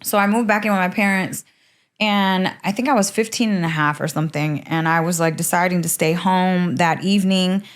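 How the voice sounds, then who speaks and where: Michigan woman on a podcast, kinda low voice, blunt and chatty, says like a lot. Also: brisk. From Michigan, USA. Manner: frank, chatty, heavy use of "like". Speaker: podcast guest. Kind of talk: candid interview storytelling.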